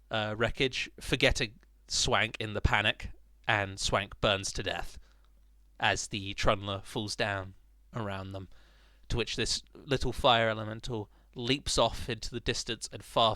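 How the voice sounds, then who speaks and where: A man's voice: lowish voice, bright, forceful tone, dry recording, clean studio sound. A man narrating an informal recap of a tabletop game in a dramatic, emphatic storytelling manner.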